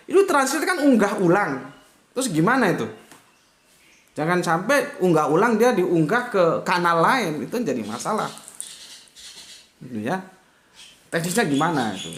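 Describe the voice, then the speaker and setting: A man's voice: high-pitched, a bit bright. A man hosting a casual online religious talk, reading viewer comments with joking, teasing asides and frequent chuckles. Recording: echoey room.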